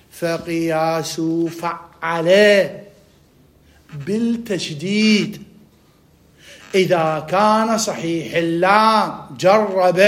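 A man with an Iraqi accent teaching an Arabic grammar lesson. He reads text slowly, asks questions and answers them himself. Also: high-pitched. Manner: reads text slowly, then talks fast in dialect.

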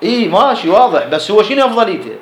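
A man's voice: sits high, sing-song, rapid-fire, reverberant, low-quality recording. A man with an Iraqi Arabic accent teaching a jurisprudence class, explaining a text line by line and posing questions he answers himself.

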